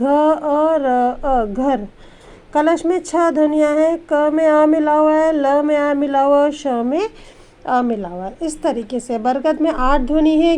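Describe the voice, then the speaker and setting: A woman's voice: high voice, a little mellow. A woman teacher giving a grammar lesson to young children, patiently sounding out letters one by one and mixing English words into her Hindi. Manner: patient, explains step by step and sounds out letters slowly.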